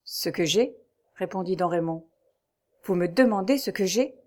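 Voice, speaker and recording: A woman voicing a haunted middle-aged nobleman who speaks in a sombre, halting way, in an audiobook reading. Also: fairly low pitch, animated, darkish tone, lightly acted. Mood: grave.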